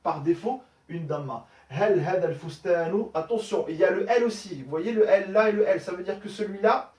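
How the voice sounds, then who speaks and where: A man's voice: high voice, brisk, darkish tone, distant mic. A man teaching Arabic grammar in French, correcting exercises step by step, with many fillers and frequent checks for understanding. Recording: echoey room, voice somewhat off-mic.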